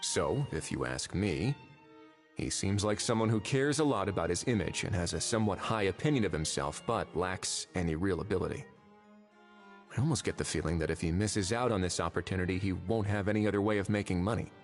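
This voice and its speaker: Calm bossy investigator guy, a man doing the voice, low-ish, soft music behind. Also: fairly quick, lightly acted. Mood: composed. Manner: composed, authoritative. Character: composed male investigator. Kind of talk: video game voice acting.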